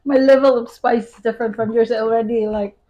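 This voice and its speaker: A woman chatting casually with her husband over a meal at home, laughing often, with her voice trailing off softly at the ends of phrases. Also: a little high, fairly even intonation, fast talker, dull audio. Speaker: wife and vlog co-host. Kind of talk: casual mukbang chat while eating.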